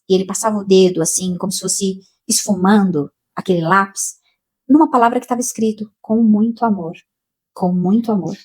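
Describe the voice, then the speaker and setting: A Brazilian woman slowly and emotionally telling a personal spiritual testimony, with many repetitions. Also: mid-range voice, husky. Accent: Brazilian Portuguese. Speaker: spiritual channel host.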